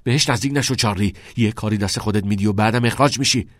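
A man's voice: on the low side, fairly bright tone, no room sound, studio quality, natural voice. A man voicing a cautious teenage schoolboy giving an urgent warning.

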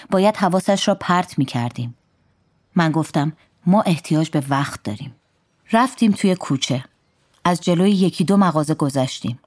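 A woman reading a first-person story aloud in a calm, wry storytelling manner. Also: deep voice, no room sound, clean studio sound.

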